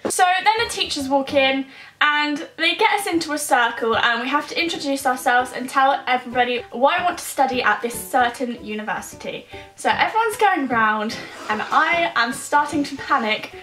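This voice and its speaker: A young woman tells a self-deprecating story in a high, bright voice. She is animated and conversational, recorded in an echoey room with faint music. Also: normal speed. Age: young adult. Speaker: vlogger. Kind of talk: comic personal storytelling to camera.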